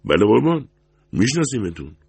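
A man voicing a big, calm diner manager with a deep voice, speaking politely and formally. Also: vocal fry, slightly rough, no room sound, full character voice.

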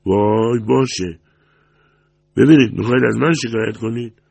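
A man's voice: medium pitch, creaky, a little mellow, no room sound, pitched above the performer's own voice. A man voicing a nervous young waitress on her first day, flustered and defensive.

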